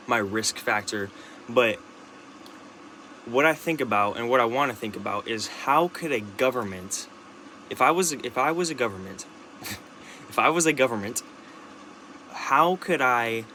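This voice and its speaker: A young man talking into his camera in a rambling, halting monologue, restarting sentences and swearing often. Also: medium pitch, pushed and bright, slight background noise. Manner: rambling, halting, with many restarts, fillers and curses. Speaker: vlogger.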